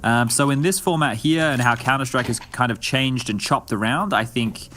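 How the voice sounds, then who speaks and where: A man's voice: mid-range voice, normal speed, pushed and bright. Chatty analytical male esports co-caster. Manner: chatty, analytical, joking asides. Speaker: color commentator. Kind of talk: live esports analysis commentary. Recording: clear background noise with clicks.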